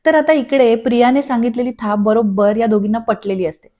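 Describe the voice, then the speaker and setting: A woman narrating a scripted voice-over recap of a TV serial, telling the scenes in a steady storytelling way. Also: fairly high pitch, fairly quick. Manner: steady storytelling, reading dialogue aloud. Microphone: studio voice-over.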